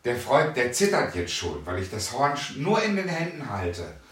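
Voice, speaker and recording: A man preaching a sermon with emphasis, repeating key phrases slowly and forcefully. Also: mid-range voice, huge pitch swings. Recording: echoey room, mic at a distance.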